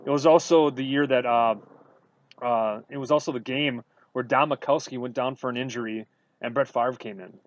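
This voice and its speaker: A man from Wisconsin co-hosting a sports podcast, telling stories in a casual, animated way with lots of fillers. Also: mid-range voice, moderate pace, lo-fi sound. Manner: animated storytelling with many fillers. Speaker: podcast co-host.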